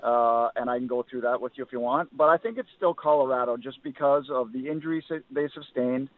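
A man's voice: mid-range voice, brisk, no echo. A man calling in from his car as a hockey insider, giving thoughtful, hedged analysis with many ums. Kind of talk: phone-in sports analysis. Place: car while driving. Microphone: phone. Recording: tinny phone line.

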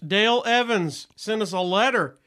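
A man co-hosting a casual snack-tasting show, talking in a playful, joking way with quick asides. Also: high-pitched, bright, forceful tone. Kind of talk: casual chat.

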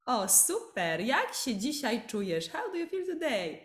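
Female Polish teacher, podcast co-host; slightly high voice, unhurried teaching pace, echoey room. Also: very animated, a bit bright. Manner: slow, clear teaching delivery with frequent laughs. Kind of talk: Polish language lesson.

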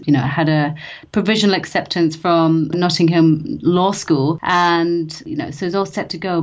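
A low-pitched woman talks freely as a podcast guest, laughing often and restarting her sentences. Her recording sounds slightly dull and lo-fi. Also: a little mellow. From England. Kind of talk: casual interview chat.

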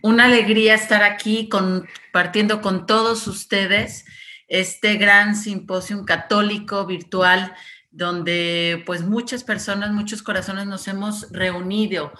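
A Mexican festival director from Guadalajara gives a virtual conference talk in Mexican Spanish, peppered with "este" and "eh." Her medium-pitched voice is slow and sharp, with fairly even intonation.

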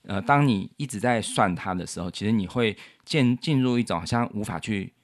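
A man's voice: fairly low pitch, lively intonation, fairly quick. A man co-hosting a casual chat, patiently explaining his piano composition step by step and counting beats aloud.

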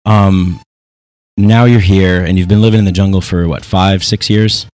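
Male interviewer, lowish voice, relaxed and conversational. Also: moderate pace. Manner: curious, conversational questioning. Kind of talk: interview questions.

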